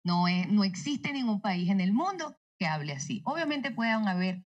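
A woman voice actress explaining her craft in an interview, measured and illustrating with spoken examples. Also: medium pitch, very animated, highs cut off. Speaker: voice actress guest. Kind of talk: interview answers.

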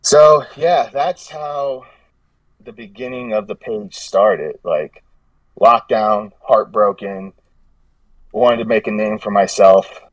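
A man's voice: lowish voice, takes it slowly, dry recording, recorded from a distance. A man telling stories in a casual podcast chat, rambling and restarting his sentences as he goes. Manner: rambling, self-correcting storyteller with frequent restarts. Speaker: podcast guest, gym meme page creator.

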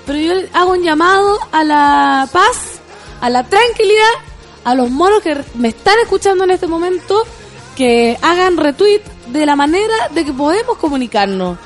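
A woman's voice: extremely high pitch, lively intonation, moderate pace, faint music behind. A Chilean woman hosting morning radio, chatting playfully and joking as she reads out listener messages. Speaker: radio host. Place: radio studio.

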